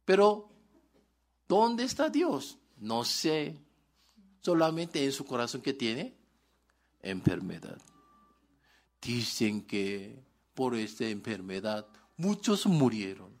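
A man's voice: mid-range voice, very animated, takes it slowly, pauses often. A male pastor preaching a sermon in broken, article-dropping Spanish, asking the congregation questions and answering them himself.

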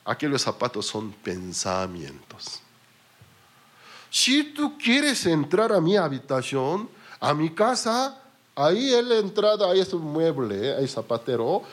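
A male pastor with a Korean accent delivers a sermon in a husky voice. His pitch rises and falls with energy, and his storytelling pokes fun at himself. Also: big pitch swings, unhurried. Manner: storytelling, self-mocking, with small slips.

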